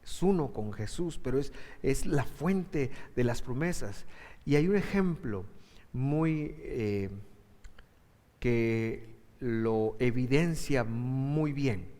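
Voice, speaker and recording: A male pastor preaching a sermon emphatically, with sudden surges in pitch and loudness. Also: animated, slow. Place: church. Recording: echoey hall reverb.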